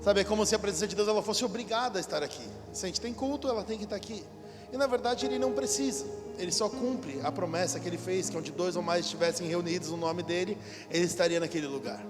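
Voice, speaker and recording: Speaking quickly, a high-voiced man, a pastor from São Paulo, Brazil, preaches and prays aloud, fervently and repetitively calling on God. It's a large church hall at a conference, and the recording carries reverb from the room plus music in the background.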